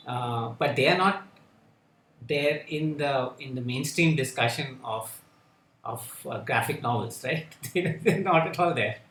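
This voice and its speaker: A man speaking on a panel discussion, halting and full of fillers and restarts. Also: mid-range voice, a bit bright. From India. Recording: echoey room with faint ambience.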